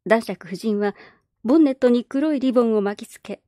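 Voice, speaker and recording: Calm woman reading a novel aloud. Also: fairly high pitch, a little fast, dry recording, studio quality. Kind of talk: scripted storybook narration.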